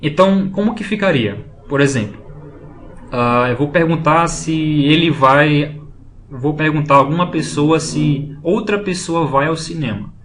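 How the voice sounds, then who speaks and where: A man explaining French grammar in a slow, patient lesson, saying each example phrase twice. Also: a little high, fairly bright tone. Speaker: French teacher. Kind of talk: screen-based language lesson.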